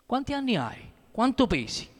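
A man's voice: extremely high pitch, wildly swooping pitch, normal speed, pitched above the performer's own voice, full character voice. A man voicing a brusque middle-aged male boxing coach who gives curt, barking instructions, heard in an echoing hall. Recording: long reverb of a hall.

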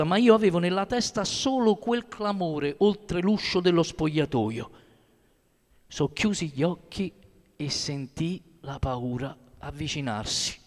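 A man reading a first-person story aloud at a measured, steady pace, heard in an echoing hall. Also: on the high side. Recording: long reverb of a hall.

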